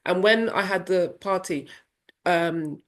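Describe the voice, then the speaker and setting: Taking her time, a woman in her fifties speaks in a lowish voice as she recounts her own story in an interview. She's a parenting coach, candid and reflective, animatedly voicing family members as she acts out their exchanges.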